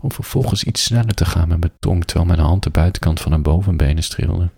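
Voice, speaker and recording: A man reading an adult story as a bedtime story, in a very husky, breathy voice. His voice sits low with a gravelly fry, soft and intimate, often sinking into a whisper. It is recorded close and bone-dry. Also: brisk, no room sound.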